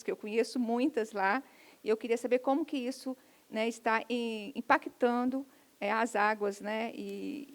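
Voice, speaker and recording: Woman, from Espírito Santo Brazil, architect, audience question, fairly high voice, halting, uneven pace. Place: seminar auditorium.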